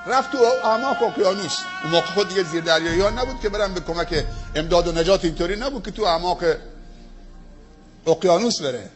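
High-voiced male preacher, dramatic storytelling. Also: faint music behind. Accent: Afghan Dari. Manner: animated, dramatic swings between loud exclamations and hushed low phrases. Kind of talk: sermon storytelling.

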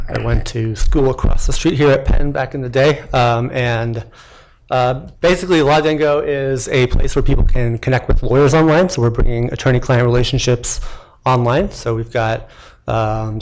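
At a tech meetup, a young startup founder gives a casual live product demo from a lecture-hall podium, speaking into the podium mic with plenty of fillers and restarts. His voice is mid-range with a darkish tone.

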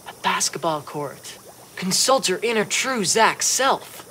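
A man's voice: high-pitched, slow. A teenage male actor playing a pushy, defensive schoolboy with a persuasive manner in a TV comedy. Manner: persuasive, animated. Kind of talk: TV teen comedy acting. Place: indoor film set.

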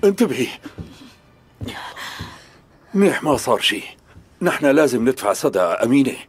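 A man's voice: medium pitch, big pitch swings, normal speed, slightly rough. A man with a Syrian accent acting a caring, fatherly older head of household in a dubbed television drama. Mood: concerned. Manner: fatherly, solicitous.

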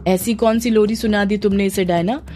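A woman's voice: medium pitch, fairly even intonation, normal speed, warm tone, soft background music, natural voice. A woman voicing a playful young man who teases his friend in a Hindi horror audio story. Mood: teasing. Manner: teasing, joking.

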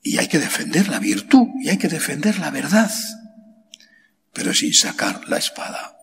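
A middle-aged Spanish priest preaches a homily slowly and emphatically, posing rhetorical questions and jumping up in pitch on key words. His very animated voice is creaky and husky, delivered into a stand mic at a lectern in a large chapel with long hall reverb and faint background hiss.

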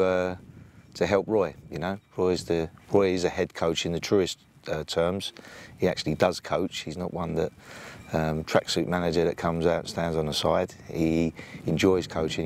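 An English man in his sixties, an assistant football coach, gives a sit-down interview outdoors beside a training pitch. His booming voice has a darkish tone, and he speaks plainly with many ums and restarts, recorded on an off-camera mic rather than a lapel.

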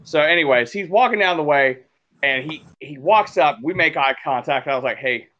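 A man co-hosts a casual podcast, rambling through stories about people he's met and animatedly acting out their quotes. His voice is a little high, his speed normal, and the audio sounds dull.

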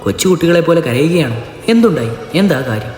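A man's voice: a little high, animated, quick pace, a little mellow, soft background music, close to an everyday voice. A man voicing a queen who fires off urgent, frightened questions, in a storybook reading. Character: queen mother, urgent and commanding in fear. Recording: echoey narration with long reverb.

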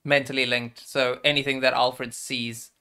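A man playing a tabletop game, talking casually and haltingly with jokes. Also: mid-range voice, little pitch movement, bright, forceful tone. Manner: unhurried, halting with fillers, joking. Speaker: player.

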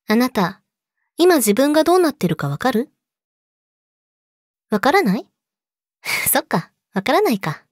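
A young woman playing a possessive yandere girlfriend, sweet but menacing, speaking softly and intimately to her lover in an audio drama. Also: high voice, huge pitch swings, slow pace, pauses often, no echo, clean studio sound, full character voice. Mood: calm, teasing menace. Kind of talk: Japanese situation voice audio drama, addressed to listener.

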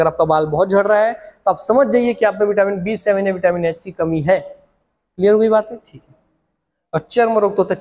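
High-voiced Chhattisgarhi man teaching. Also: long reverb tail. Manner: animated, uses memory tricks and repeats words. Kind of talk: exam coaching lecture.

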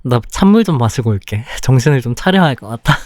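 A young man playing a sulky, clingy boyfriend in a whispered role-play, speaking softly and pouting close to the mic. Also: medium pitch, animated, no echo, close to an everyday voice. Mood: pouty, affectionate. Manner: slow, soft, close-up ASMR delivery with pouty complaints.

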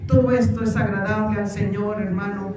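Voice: medium pitch, fairly even intonation, moderate pace, far from the mic, music in the background. A pastor preaching and leading a prayer at a church service, exhorting the congregation in a repetitive prayer cadence. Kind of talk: sermon and led prayer. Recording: echoey church hall, off-mic, congregation audible.

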